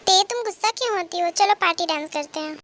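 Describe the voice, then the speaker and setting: A woman voicing a scheming smooth-talking teen boy. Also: very high voice, fast talker, a bit bright. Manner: bossy.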